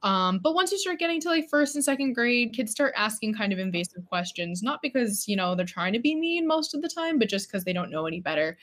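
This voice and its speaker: A woman's voice: fairly high pitch, expressive, a little fast, hardly any pauses, fairly bright tone. A woman of twenty-two from Florida, speaking as a guest in a casual interview, thoughtful and conversational with frequent fillers. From Florida, United States. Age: 20s. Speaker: podcast guest.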